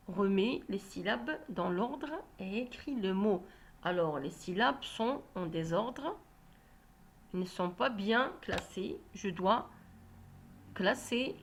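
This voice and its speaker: A woman teacher talks young children through reading exercises at a slow, deliberate pace. She spells out each instruction clearly and repeats it so no one is left behind. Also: medium pitch. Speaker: primary school teacher. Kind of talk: reading lesson walkthrough.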